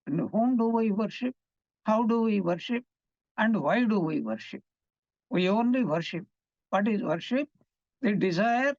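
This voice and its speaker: A man's voice: high voice, no echo. A man, a monk, giving a conversational scripture class, telling stories and asking rhetorical questions. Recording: slightly dull, muffled sound.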